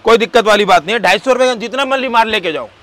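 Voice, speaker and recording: A man selling saris wholesale from his shop, pitching prices and stock with repetitive, insistent patter. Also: racing, a bit bright. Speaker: saree wholesaler. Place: saree shop or factory.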